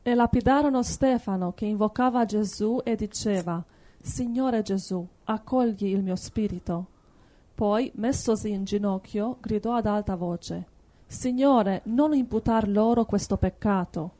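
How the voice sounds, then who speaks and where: A woman calmly reading scripture aloud in a sermon, steady and even. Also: medium pitch, unhurried. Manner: calm, steady reading with quiet affirmations. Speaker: scripture reader.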